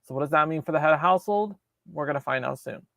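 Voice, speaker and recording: A young man casually hosting his own live-stream recap show, talking in a chatty way with fillers and quick restarts. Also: on the high side, gravelly, pushed and bright, dry recording.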